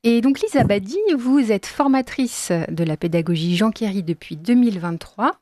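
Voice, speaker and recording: Measured female radio host. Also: mid-range voice, animated, a little mellow, no room sound, studio quality. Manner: measured, slowing on key phrases, light laughs. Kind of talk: hosting a talk show, introducing guests.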